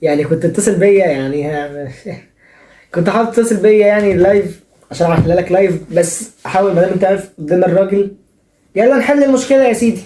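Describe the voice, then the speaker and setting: A man's voice: high-pitched, fast, mellow. A young man with an Egyptian Arabic accent hosting a comic advice show, joking and teasing his listeners. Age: young adult. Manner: joking, teasing, playfully sarcastic. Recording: echoey room.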